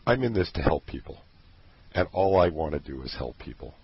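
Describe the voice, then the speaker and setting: A man's voice: a bass voice, animated, a little fast, husky. A man promoting a program he created, talking in an earnest, passionate way with many restarts. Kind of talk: casual promotional chat. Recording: dull lo-fi recording.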